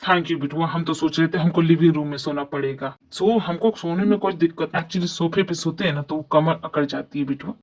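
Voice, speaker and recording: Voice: medium pitch, fairly quick, few pauses, close to an everyday voice. A dubber voicing a joking, henpecked middle-aged father, in an amateur fan dub. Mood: sheepish. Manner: sheepish, joking.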